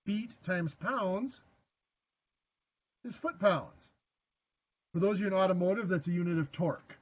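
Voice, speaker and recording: In a classroom math lecture, the teacher puts questions to his students and cracks dry jokes at his own expense. He speaks unhurriedly in a high voice, and the sound is lo-fi.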